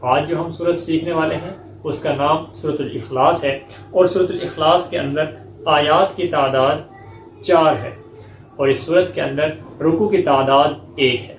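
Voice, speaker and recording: High-voiced man teaching Quran recitation. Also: reverberant, slight background noise, poor audio. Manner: explains slowly, then recites verses in a slow melodic chant; repeats "ٹھیک ہے؟" to check understanding. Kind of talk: step-by-step recitation lesson.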